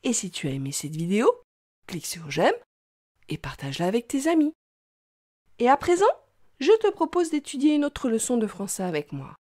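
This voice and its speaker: A woman teaching young children to read, talking slowly in an exaggerated, sing-song way. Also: fairly high pitch, very animated, a little mellow, no echo, clean studio sound. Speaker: reading teacher. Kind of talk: children's reading lesson.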